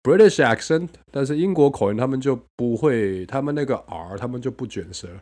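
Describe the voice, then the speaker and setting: A man's voice: mid-range voice, animated, brisk, a little mellow. Male host, casual bilingual chat, mid-range voice, playful sound demos. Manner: mixes Mandarin and English, demonstrates sounds playfully.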